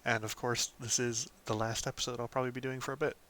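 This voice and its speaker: A man hosting a casual game guide, talking through a character build in a relaxed way, with frequent "um"s and "of course"s. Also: mid-range voice, fast talker, slight background noise. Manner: relaxed, lots of ums and "of course". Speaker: gaming channel host.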